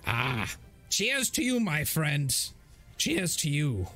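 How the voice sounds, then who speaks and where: A man voicing a hearty, generous old nobleman with a big booming laugh in a tabletop game. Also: wildly swooping pitch, takes it slowly, pushed and bright, soft background music, exaggerated voice. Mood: jovial.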